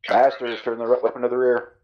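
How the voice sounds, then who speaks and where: A man's voice: mid-range voice, completely flat delivery, fast. A man giving terse orders over a muffled radio during a military simulation game.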